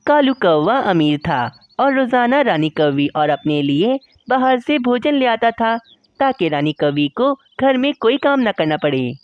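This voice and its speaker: A woman's voice: on the high side, unhurried, muffled recording. A woman narrating a cartoon story in a scripted storytelling style. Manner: lively storytelling, addresses viewers.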